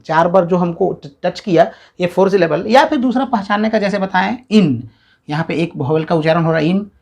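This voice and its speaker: A man teaching a grammar lesson step by step. He sounds out syllables slowly and keeps checking in with the class. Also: sits high, vocal fry, a little mellow. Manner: explains step by step, often checks in with "है ना" and "ठीक है". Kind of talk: classroom-style video lesson.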